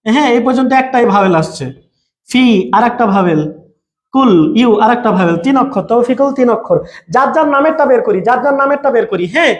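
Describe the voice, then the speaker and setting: A man's voice: very high voice, roomy sound. A man, teaching an exam-prep class online and repeating each point for his students.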